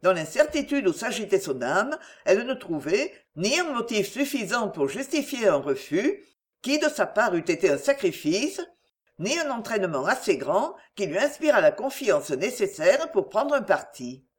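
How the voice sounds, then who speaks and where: A woman with a medium-pitched voice narrates a classic novel as an audiobook, telling the story in a measured, expressive way.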